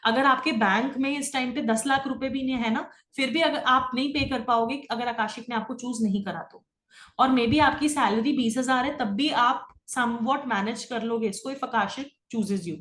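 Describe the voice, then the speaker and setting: A middle-aged woman teaching an online spiritual class, talking fast and often checking that her students follow. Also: fairly high pitch, fairly bright tone, reverberant. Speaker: Akashic records teacher. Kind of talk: online class lecture, Hindi-English mix.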